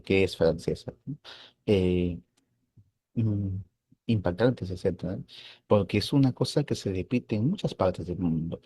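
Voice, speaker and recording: A man hosting a philosophy channel, talking through a film in a thoughtful, hesitant way, often pausing and checking in with his listeners. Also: deep voice, a little mellow. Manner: thoughtful, hesitant, with frequent "eh" and tag questions. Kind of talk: casual film commentary.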